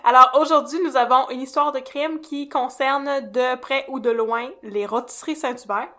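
A woman's voice: high-pitched, steady tone, moderate pace, bright, forceful tone. A woman with a Québécois French accent co-hosting a podcast in a playful, chatty way. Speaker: podcast co-host. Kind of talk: casual podcast chat.

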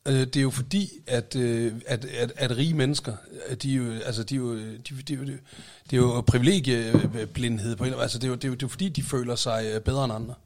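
A man in a loose podcast chat. His voice has a gravelly fry, and he talks in a teasing, swear-heavy way, often restarting his sentences. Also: medium pitch, steady tone, a little mellow. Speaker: podcast co-host. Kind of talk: casual chat.

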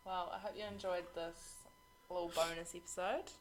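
A woman's voice: fairly low pitch, steady tone, moderate pace, a little hiss or hum, rough recording. A woman with an Australian accent hosting a podcast in an informal, conversational chat style. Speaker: podcast host. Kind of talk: casual chat.

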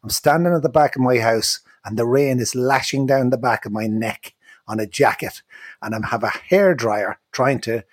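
A man's voice: mid-range voice, normal speed, no echo, studio quality. An Irish-accented man casually telling a rambling story in conversation. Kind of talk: casual storytelling in group chat.

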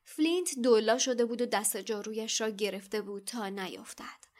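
Woman reading a book chapter out loud, steady, slightly high voice. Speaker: podcast co-host reading aloud. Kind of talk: reading a novel passage aloud.

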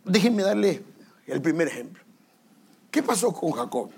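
A man's voice: fairly high pitch, big pitch swings, normal speed, gravelly, darkish tone, slight background noise. A male pastor giving a sermon, building to emphatic exhortation and acting out quoted voices.

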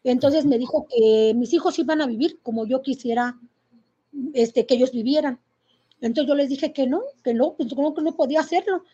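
High-voiced Mexican woman giving testimony. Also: dark tone, husky. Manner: halting and emotional, with many fillers and restarts. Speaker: interviewee. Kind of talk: personal testimony. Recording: muffled lo-fi recording.

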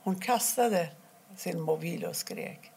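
A middle-aged woman from Iran, telling her own story in an interview, quietly and haltingly, with many pauses. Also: fairly low pitch, gravelly, husky. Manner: halting, quiet and emotional, pausing often. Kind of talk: personal testimony interview.

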